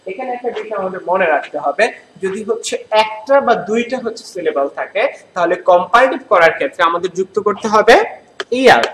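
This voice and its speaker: A man from Bangladesh teaching an English grammar lesson in Bengali. He repeats words slowly and asks the class questions as he goes. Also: sits high, animated, a bit bright, a little hiss or hum, rough recording.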